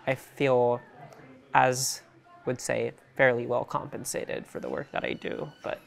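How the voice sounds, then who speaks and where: A man in his twenties, a pediatric ICU nurse, speaking in a measured way in a panel chat. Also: mid-range voice, level tone, vocal fry. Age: 20s. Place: indoor cafe.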